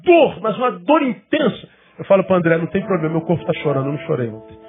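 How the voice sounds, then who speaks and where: Brazilian man, pastor, impassioned sermon, high voice, tinny phone-like sound, soft guitar behind. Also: very animated, fast. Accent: Brazilian Portuguese. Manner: impassioned, voice breaking into tears at peaks, then dropping low and quiet. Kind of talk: emotional sermon. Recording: tinny lo-fi recording with faint guitar. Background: soft guitar music.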